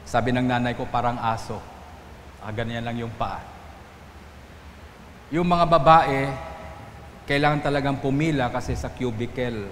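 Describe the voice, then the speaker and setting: A man's voice: medium pitch, measured pace, long pauses, a bit bright, a little hiss or hum. A man from the Philippines, a priest giving a Sunday homily, telling stories and quoting people in shifting voices. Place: church. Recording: echoey church hall, faint ambience.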